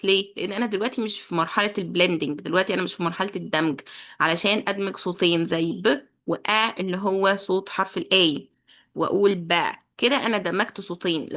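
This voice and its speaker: A woman's voice: mid-range voice, a bit bright. A young adult woman with an Egyptian Arabic accent, teaching children's English basics patiently and repeating each point twice. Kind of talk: explanatory lesson.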